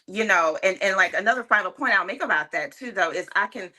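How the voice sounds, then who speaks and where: A woman's voice: medium pitch, lively intonation, quick pace, pushed and bright. A woman speaking as a guest in a casual discussion, earnest and opinionated, with plenty of likes and ums. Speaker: panel guest.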